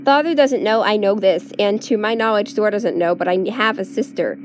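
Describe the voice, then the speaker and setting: A woman's voice: medium pitch, moderate pace, slight background noise, lightly acted. A woman reading a story aloud, voicing a scheming young male trickster prince who explains himself earnestly in slightly formal speech. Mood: explaining.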